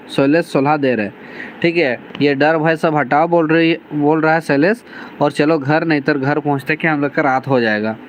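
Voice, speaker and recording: A man from Jharkhand, India, teaches a class by reading lines from a novel in dialect and restating each plainly, with many "theek hai" fillers. His voice is fairly high, and the low-quality recording carries a little hiss or hum.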